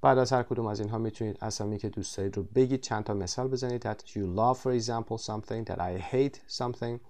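A man teaching English vocabulary in a textbook lesson, drawing out the English words slowly and explaining quickly in between. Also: on the low side, a little mellow.

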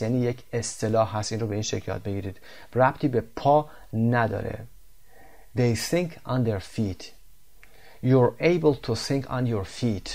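A Persian-speaking man teaching English words and pronunciation, slowing right down to read the English examples aloud. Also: lowish voice, creaky, dark tone. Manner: slow, careful when reading English examples. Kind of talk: explaining English vocabulary and pronunciation.

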